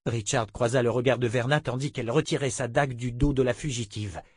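A man's voice: mid-range voice, slightly rough, no room sound. Man narrating an audiobook, dry sound. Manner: steady, measured storytelling. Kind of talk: scripted narration.

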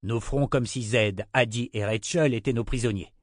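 A level, firm man's voice for a border guard who takes charge, read by a male narrator close to his own tone. Plain and steady, dry close recording. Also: mid-range voice, moderate pace, no echo, natural voice.

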